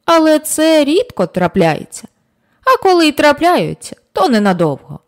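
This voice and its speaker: An eager, doubtful young man full of earnest questions, read by a woman narrator. His voice sits fairly high and moves a lot. It plays as a storybook audiobook. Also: sing-song, moderate pace. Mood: musing. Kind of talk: audiobook character reading.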